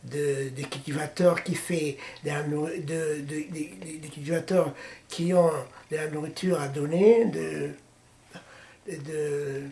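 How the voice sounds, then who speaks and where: A man from the Democratic Republic of the Congo with a Congolese French accent, answering interview questions haltingly, with many fillers and restarts. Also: on the high side, fairly even intonation, vocal fry, warm tone. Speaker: interviewee, political party founder. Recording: echoey room with faint noise.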